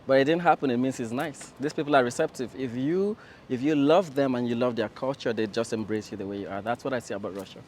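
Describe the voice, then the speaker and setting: A man's voice: mid-range voice, fast talker, darkish tone, a little hiss or hum. A man being interviewed on the street, a businessman speaking confidently and reasoning his points out aloud.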